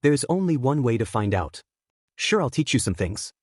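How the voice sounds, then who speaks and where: A man's voice: medium pitch, sing-song, normal speed, dry recording, clean studio sound. A man reading the part of a wheelchair-bound dojo owner who speaks in a curt, irritable way. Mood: suspicious.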